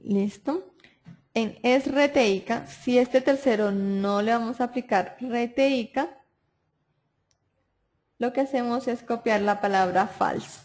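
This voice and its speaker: A woman explaining software data entry step by step. She keeps checking in with the listener as she goes. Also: a little high, slow, pauses often. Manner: step-by-step explaining, frequent "entonces" and "listo", checks with "¿sí?". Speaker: software trainer. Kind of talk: screen-recorded software tutorial.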